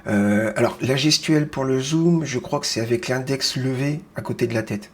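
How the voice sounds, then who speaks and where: A man's voice: mid-range voice, moderate pace. Enthusiastic man demoing a webcam. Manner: enthusiastic, keeps repeating how great it is; chatty, full of fillers and restarts. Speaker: tech video host. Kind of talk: casual product demo. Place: small room at home with grow tents.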